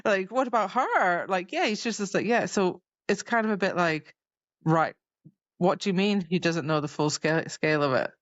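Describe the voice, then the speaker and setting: A lowish-voiced woman co-hosts a podcast at a normal pace, casually recapping a fantasy novel and acting out its dialogue as she retells the story. The recording is dry and muffled.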